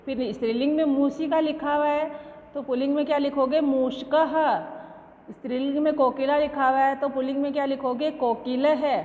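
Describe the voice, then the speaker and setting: A woman teacher walks a class through an exercise, patiently posing each question and then supplying the answer. Her voice sits high. The recording is dull and lo-fi, with a long reverb trailing behind her. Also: darkish tone. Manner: patient, asks questions and answers them herself. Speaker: school teacher. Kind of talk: online class lesson.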